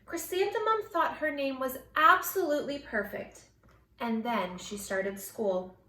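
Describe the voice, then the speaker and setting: High-voiced woman reading a storybook, roomy echo. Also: expressive, bright, forceful tone. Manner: theatrical, with drawn-out words and changing character voices. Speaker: storybook reader. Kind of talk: expressive children's read-aloud narration. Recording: roomy echo, distant microphone.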